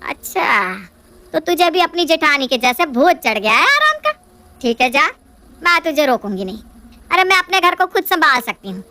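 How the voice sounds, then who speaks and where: A woman plays a stubborn older mother-in-law in a storybook, scolding and sharp. Her voice is high and bright. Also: sing-song, moderate pace, exaggerated voice.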